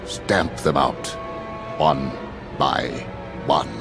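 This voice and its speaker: An actor playing a cruel, stern old judge in a video game, condescending and menacing in a deliberate way. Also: male voice, very deep voice, creaky, music in the background, heavily acted. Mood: cold, menacing. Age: older. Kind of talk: animated video game acting.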